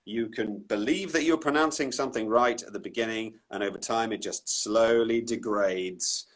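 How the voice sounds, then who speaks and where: Southeast English male voice-over pro chatting on a live call, husky tone, lively and self-mocking. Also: lowish voice, moderate pace. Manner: animated, self-deprecating, many restarts. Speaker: voice-over artist, guest. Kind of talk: casual interview chat. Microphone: Instagram live call.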